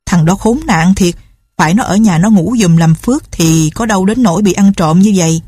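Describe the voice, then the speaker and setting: A woman's voice: on the low side, normal speed, warm tone, slightly rough, dry recording, clean studio sound. Woman playing a fussing, scolding housemate. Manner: scolding, talkative.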